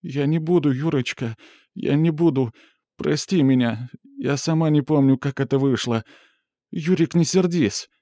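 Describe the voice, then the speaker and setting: A man's voice: fairly high pitch, unhurried, dark tone, no echo, studio quality, pitched above the performer's own voice, natural voice. A man voicing a frightened, tearful young woman who pleads breathlessly and whimpers for forgiveness. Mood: pleading.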